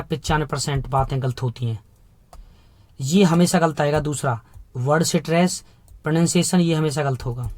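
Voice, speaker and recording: Man teaching in an emphatic, higher voice. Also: darkish tone, no room sound. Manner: explains in Hindi mixed with English terms, asks rhetorical questions; emphatic, repeats key points. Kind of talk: exam prep lecture.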